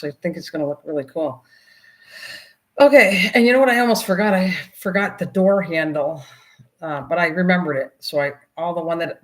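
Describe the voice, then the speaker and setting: An older woman with a low-pitched voice hosts a casual craft livestream, chatting and rambling to herself and her viewers as she works. The audio quality is poor.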